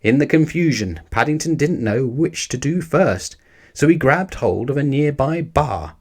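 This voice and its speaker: A man reads a picture book aloud for young children, his pitch in the middle range. He tells the story expressively at a slightly slow pace.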